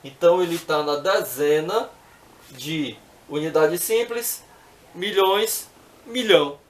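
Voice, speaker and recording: A man's voice: fairly high pitch, slow, reverberant, a little hiss or hum. A man teaching math, working through exercises patiently step by step and often checking in with the viewer.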